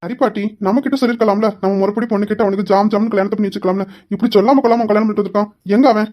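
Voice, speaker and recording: A woman's voice: medium pitch, steady tone, very fast, close to an everyday voice. A woman voicing a stern young husband who is a police officer, firm and lecturing, in an amateur family drama. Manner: firm, lecturing, shouts for his wife.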